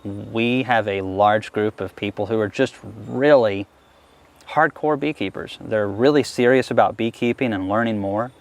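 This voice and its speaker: This beekeeper's voice is fairly low, gravelly, and a little slow. He's being interviewed outside by a hive, chatting with easy enthusiasm as he works it.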